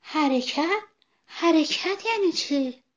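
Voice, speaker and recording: A woman's voice: high voice, animated, voice pushed up. A woman voicing a sad, lonely young sunflower who talks in a plaintive, wistful, pleading way. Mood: eager.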